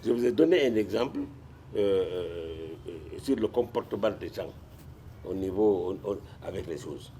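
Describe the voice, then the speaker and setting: A low-voiced older man tells his stories in a sit-down interview. His pitch rises and falls widely as he goes. He restarts and repeats himself often. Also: moderate pace, slight background noise. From Guinea. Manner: animated storyteller with frequent restarts and repetitions. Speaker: retired sports administrator and guest.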